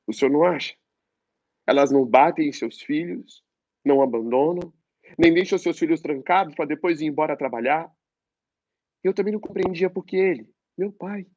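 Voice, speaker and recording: A man's voice: fairly high pitch, no echo, pitched above the performer's own voice, lightly acted. A Brazilian man performing a monologue as a troubled young man locked in an asylum, pleading and anguished, on a dull lo-fi phone mic. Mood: bitter. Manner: anguished, pleading, wavering between loud and hushed. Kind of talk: theatrical monologue reading.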